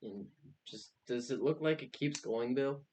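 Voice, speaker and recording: A man's voice: mid-range voice, a little slow, noisy background. A man chatting casually as a player in a tabletop role-playing game.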